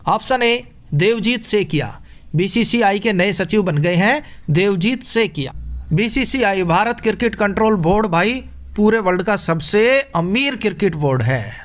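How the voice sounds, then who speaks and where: Man, high voice, playful quiz teacher, jokey memory tricks. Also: expressive, measured pace. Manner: playful, jokey mnemonics, addresses listeners as brother. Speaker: exam coaching teacher. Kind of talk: current affairs quiz lesson with memory tricks.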